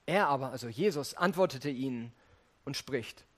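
A man's voice: mid-range voice, expressive, moderate pace. A man preaching a sermon, reading scripture and earnestly speaking straight to his listeners. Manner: earnest, addresses listeners directly.

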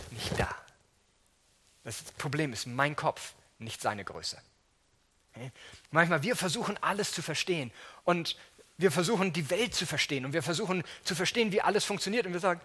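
A man preaching a sermon, acting out quoted speech with big swings in pitch and loudness.

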